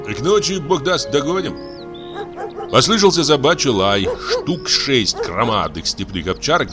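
A man narrating a classic story in an expressive, storytelling manner over background music. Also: low voice. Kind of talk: scripted audiobook narration.

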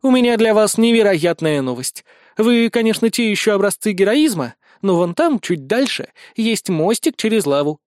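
A man's voice: high-pitched, sing-song, moderate pace, dry recording, studio quality, pitched above the performer's own voice. A man voicing a tiny blonde young woman who teases with a smirk. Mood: teasing. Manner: teasing, smirking.

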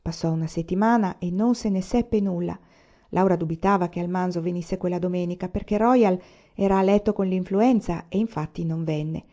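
A woman reading a novel aloud in a steady, even storytelling manner. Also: on the low side, moderate pace, dull audio. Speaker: audiobook reader.

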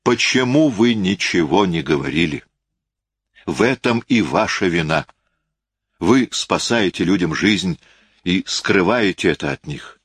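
A man's voice: sits low, lively intonation, measured pace, husky, dry recording, full character voice. A man reading an audiobook, voicing an impassioned, insistent young man who speaks in emphatic exclamations. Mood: indignant.

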